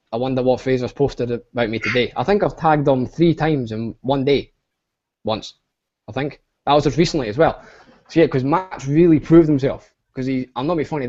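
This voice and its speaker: Pitching in a casual online webinar, a young Scottish host rambles excitedly and leans on plenty of fillers. His mid-range voice is brisk and darkish, captured on a video call microphone with the highs cut off.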